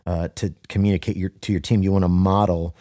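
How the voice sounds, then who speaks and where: A low-voiced man talks on a podcast as a worship leader, his tone warm and mellow. He speaks earnestly, hammering points home by repeating them, and slips in deadpan jokes. The sound is dry and close, with no room around it. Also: fairly quick, no echo. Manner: earnest and emphatic, repeats key phrases for stress. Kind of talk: casual podcast conversation.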